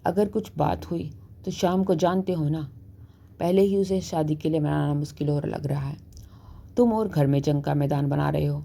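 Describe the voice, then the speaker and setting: A woman voicing a sharp-tongued middle-aged mother who scolds her husband, in a storybook reading. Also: deep voice, normal speed, vocal fry. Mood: hushed.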